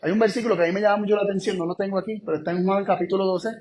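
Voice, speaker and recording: Man, high voice, preacher, Bible study sermon, emphatic, repeats phrases. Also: fairly even intonation, a little mellow. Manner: emphatic, repeats key phrases, shifts between slow stress and quick asides.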